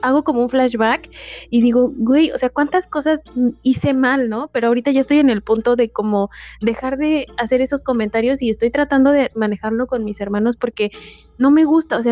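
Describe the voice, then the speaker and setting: Young woman in a casual podcast chat, candid and chatty, warm higher voice. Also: fairly quick. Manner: candid, many filler tags. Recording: slightly muffled, faint music.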